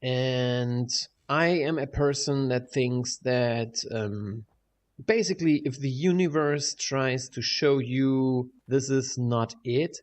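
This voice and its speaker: A man's voice: medium pitch, takes it slowly. A man with a German accent giving a casual, rambling, hesitant update with casual swearing, his voice echoing in a big room at home. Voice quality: echoey room sound. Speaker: video creator. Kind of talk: casual rambling update over game footage. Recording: big echoey room, clear background noise.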